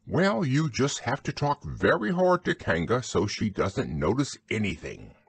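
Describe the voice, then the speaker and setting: A man voicing a bossy, scheming male rabbit from a storybook, brisk and instructing in manner. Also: mid-range voice, big pitch swings, creaky, breathy edge, dry recording, heavily acted.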